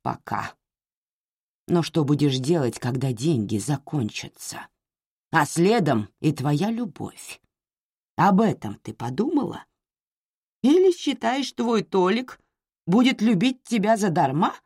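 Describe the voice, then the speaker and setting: A woman's voice: low voice, very animated, slow pace, long pauses, a little mellow, breathy edge, dry recording, heavily acted. A woman voicing a stern, blunt older mother who scolds her grown daughter in a dry, curt way. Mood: mocking.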